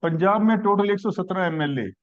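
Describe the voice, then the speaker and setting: A man's voice: sits high, normal speed, dull audio. A man teaching a civics class, asking questions and building the answer step by step through simple examples. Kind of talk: classroom lecture.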